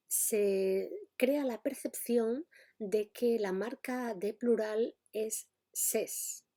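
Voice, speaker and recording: A woman lecturer in middle age explains a grammar point in an unhurried, patient way. Her voice is soft-toned and a little breathy. She hesitates often and checks in with her listeners as she goes. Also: medium pitch. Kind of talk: spoken linguistics lesson.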